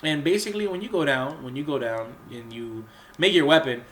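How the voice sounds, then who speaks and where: A male gaming host with a cold walks through crafting menus fairly quickly, his medium-pitched voice a bit bright yet a little off from illness. The commentary is casual and rambling, crowded with fillers and restarts, broken up by coughing and throat clearing.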